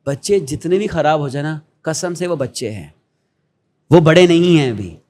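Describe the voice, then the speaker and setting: High-voiced earnest Pakistani man. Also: animated, dark tone. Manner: earnest, preachy storytelling with quoted asides. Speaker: guest, education founder. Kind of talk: conversational interview.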